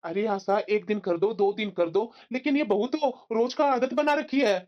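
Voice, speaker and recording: A woman's voice: medium pitch, normal speed, lightly acted. A woman voicing a stern older father-in-law in a cartoon, who lectures and disapproves. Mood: lecturing. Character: stern, grumbling older father-in-law, protective of his wife. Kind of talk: cartoon voice acting. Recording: slightly dull lo-fi audio.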